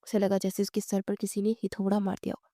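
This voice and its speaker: A woman narrating a bedtime story in a dramatic, expressive reading. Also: mid-range voice, dry recording, studio quality.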